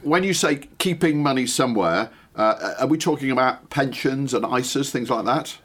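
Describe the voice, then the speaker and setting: A man's voice: mid-range voice, animated, normal speed, fairly bright tone. A man from northern England with a mid-range voice chats as a podcast co-host. He puts questions casually, in an informal and jokey manner. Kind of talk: casual chat.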